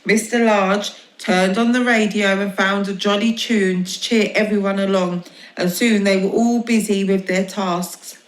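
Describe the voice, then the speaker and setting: Slow storybook reader woman. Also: mid-range voice. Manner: slow, gentle, expressive reading. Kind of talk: children's story read-aloud. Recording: echoey room.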